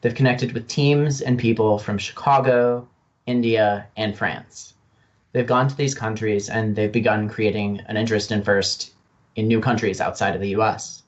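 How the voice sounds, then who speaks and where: A man's voice: lowish voice, steady tone, moderate pace. A man on a robotics panel, reading a short summary and chatting earnestly. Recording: dull lo-fi sound.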